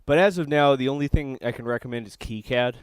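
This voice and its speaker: A man's voice: mid-range voice, quick pace, smooth, no echo. Young dude rambling on his stream while eating, mid voice, dry close mic. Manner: rambling, restarts sentences, talks while working. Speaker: streamer building electronics. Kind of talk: casual live-stream chat.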